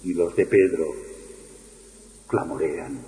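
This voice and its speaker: Slow dramatic man reciting verse, echoey hall. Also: mellow. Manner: declamatory, with sweeping pitch for chanted refrains. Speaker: poetry reciter. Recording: echoey hall with long reverb.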